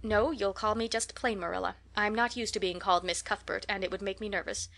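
A woman voicing a stern, practical older female guardian in an audiobook, brisk, firm and disapproving. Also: mid-range voice, steady tone, gravelly, fairly bright tone. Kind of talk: audiobook character voice.

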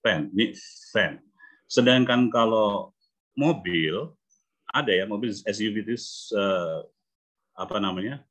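A man from Indonesia teaching English phonics in an online class, repeating example words and confirming each point with a quick "ya". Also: fairly low pitch, a bit bright, muffled recording. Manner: repetitive, affirming with "ya", demonstrates sounds. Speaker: English coach. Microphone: video call.

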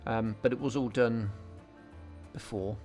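Speaking at a middle pitch, a man relaxedly explains the hobby build he's working on, stopping on ums and beginning sentences again. He hosts a scale modelling channel, and this tutorial voice-over has soft music faintly beneath it.

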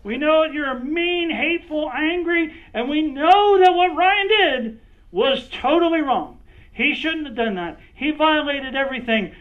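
A man's voice: very high voice, expressive, a little slow, pitched above the performer's own voice. A man voicing Jesus as an intercessor, pleading urgently with an angry father on someone's behalf. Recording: dull lo-fi recording.

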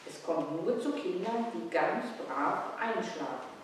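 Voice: medium pitch, expressive, a little slow, a little hiss or hum, close to an everyday voice. A reader voicing a tired, loving mother who coaxes her son to sleep. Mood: coaxing. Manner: soft, coaxing. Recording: echoey hall from far off.

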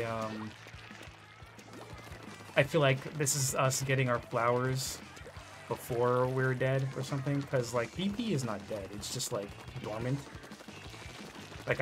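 A young man chatting casually on a stream while playing a game, rambling and relaxed with many fillers. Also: mid-range voice. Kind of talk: casual chat while gaming. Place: home gaming setup. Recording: game music behind voice.

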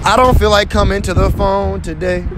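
A man's voice: high voice, flat delivery, normal speed, noisy background. A young man hosting a casual street interview outdoors, joking and teasing as he talks into a phone held out as a mic. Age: young adult. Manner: joking, teasing, sings lyric snippets. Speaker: street interviewer, channel host. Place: outdoors on a city street and parking lot.

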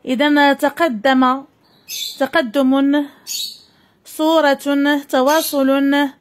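A woman with a Moroccan accent teaching a grammar lesson to young pupils, dictating slowly and repeating each word. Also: sits high, level tone, slight background noise.

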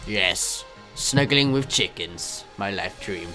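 A man's voice: fairly low pitch, lively intonation, takes it slowly, music in the background. A man with a sore throat doing casual, jokey commentary while playing a co-op game. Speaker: co-op gaming video host.

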